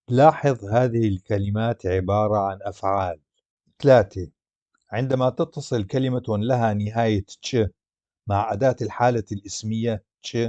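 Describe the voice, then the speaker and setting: Low-voiced man teaching grammar rules. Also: a little mellow, no echo. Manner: slow, carefully sounds out letters and example words. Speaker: language teacher. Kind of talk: grammar lesson narration.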